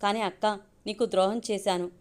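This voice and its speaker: A woman's voice: mid-range voice, fairly even intonation, moderate pace, lightly acted. A woman voicing a naive young woman who confides in her older sister, read in her own everyday voice. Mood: confiding.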